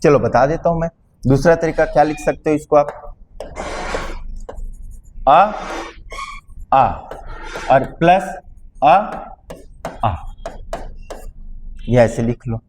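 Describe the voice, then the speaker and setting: A male teacher from Chhattisgarh lecturing a class on grammar, speaking to students fondly and checking often whether they understood, drawing vowel sounds out slowly. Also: fairly high pitch, a little mellow, slight background noise. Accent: Chhattisgarh Hindi.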